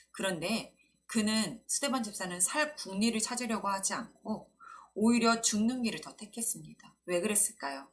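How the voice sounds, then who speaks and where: A woman preaching to children in a Sunday school service, telling a bible story in a gentle storytelling manner and acting out the quoted lines. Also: mid-range voice.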